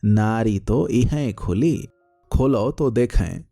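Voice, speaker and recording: A man voicing a quarrelsome, spiteful older woman neighbor who scolds in a shrill village dialect. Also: very animated, measured pace, mellow, faint music behind. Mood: scolding.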